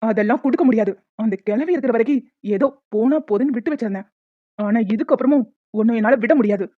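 A woman's voice: a little high, fast talker, no echo, natural voice. A woman voicing a menacing, crude male loan shark in a cartoon, talking in a bullying, threatening way. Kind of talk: cartoon voice dubbing. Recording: tinny phone-like, dry.

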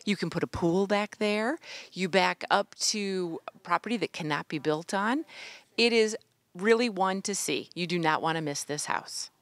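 A woman's voice: lowish voice, normal speed. A woman real estate agent giving an unscripted property tour in short, emphatic selling phrases.

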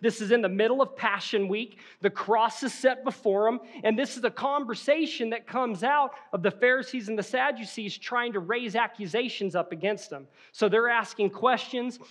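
A man's voice: extremely high pitch, moderate pace, few pauses, fairly bright tone. A man preaching a sermon as pastor, telling vivid stories and acting out quoted lines in a church. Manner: storytelling, acting out scenes with quoted voices. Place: church sanctuary.

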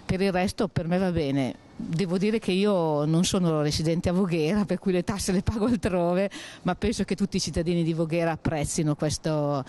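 A middle-aged woman giving a measured, thoughtful opinion into a handheld mic on an outdoor street. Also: on the low side, mellow. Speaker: passer-by interviewed. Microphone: handheld interviewer mic.

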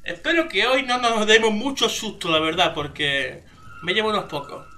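A young man with a Spain Spanish accent doing excitable let's play commentary, swearing and shouting when startled. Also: high-pitched, moderate pace. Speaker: gaming youtuber.

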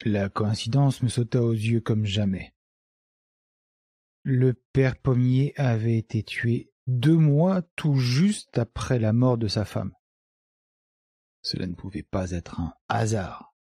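Man reading a mystery audiobook, mellow. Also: mid-range voice, husky, no room sound. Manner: measured, even storytelling. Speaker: audiobook reader. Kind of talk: scripted first-person narration.

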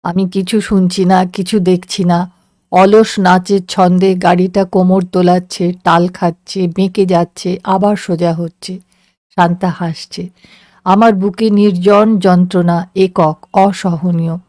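A woman narrating a story in a slow, measured, soft voice. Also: lowish voice, little pitch movement, dry recording, studio quality. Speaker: story reader.

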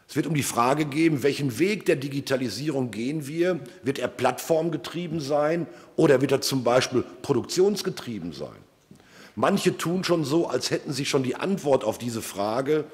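A man in his fifties giving a formal political keynote speech from a lectern to a large audience, measured and emphatic, posing rhetorical questions. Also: medium pitch. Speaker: keynote speaker. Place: large wood-panelled hall with an audience. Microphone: lectern microphone. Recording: long hall reverb.

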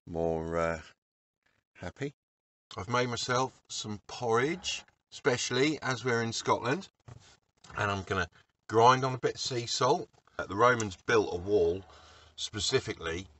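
An older man narrating his vanlife travels in a chatty way, with dry self-mocking humour. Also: lowish voice. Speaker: vanlife vlogger. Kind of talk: casual travel vlog narration. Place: campervan and roadside spots outdoors. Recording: noisy outdoor vehicle recording.

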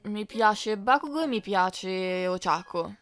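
A young adult woman who fandubs on YouTube reads out fan questions and answers them casually. She speaks slowly and expressively in a mid-range voice, with music playing in the background.

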